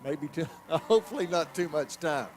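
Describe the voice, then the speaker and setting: American guy doing color commentary on football, kinda high voice, casual. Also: animated, normal speed, soft background music.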